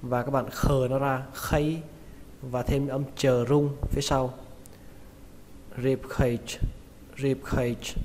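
A man giving a spoken vocabulary lesson, saying each word slowly and repeating it with care. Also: mid-range voice, little pitch movement, darkish tone. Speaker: English pronunciation teacher. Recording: long reverb with faint noise.

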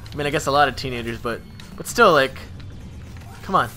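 A man's voice: medium pitch, lively intonation, a little fast, pushed and bright, soft background music. A young man chatting in a rambling, casual way while commentating a video game with a friend. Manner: rambling, chatty, full of likes and laughs. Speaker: gaming channel co-host.

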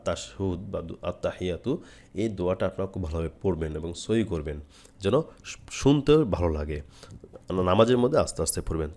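With a deep, slightly mellow voice, a man from Bangladesh teaches how to recite the Quran in careful steps. He demonstrates every phrase through prolonged chanting and then explains it plainly.

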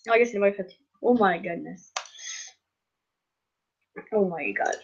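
A woman doing casual gaming commentary, excitable and prone to loud shrieking laughter. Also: mid-range voice, creaky, muffled recording, a little hiss or hum. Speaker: gaming video creator.

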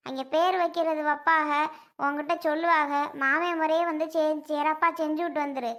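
A woman playing a fussy, sharp-tongued old grandmother, scolding and complaining in a family comedy skit. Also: sits high, fairly even intonation, normal speed.

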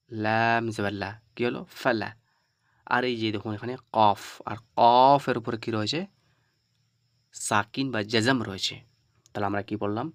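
Male tutor, mid-pitched voice, dry close mic, slow question-and-answer lesson delivery. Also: no echo. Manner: asks the viewer questions, then answers them himself; slow and repetitive, spelling out the letters one by one. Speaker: Quran recitation teacher. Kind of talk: online tajweed lesson.

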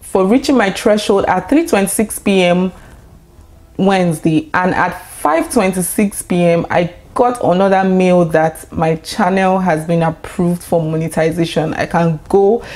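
A young woman talking casually to camera in a vlog, chatty and excitable, with lots of fillers and bursts of laughter. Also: lowish voice, measured pace. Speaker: YouTuber.

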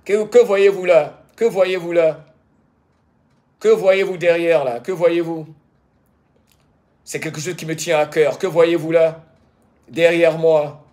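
Man, live stream host, casual chat, teasing and lively, greets viewers by name. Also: fairly high pitch, takes it slowly, long pauses. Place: home in the United States.

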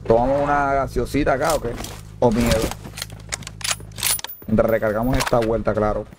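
A young man giving casual gameplay commentary in slangy, jokey talk that breaks into shrill pleading. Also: little pitch movement, normal speed, noisy background. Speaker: gamer streamer.

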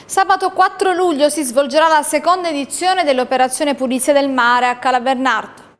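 High-voiced female news anchor. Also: steady tone, a little fast. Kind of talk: scripted news headlines.

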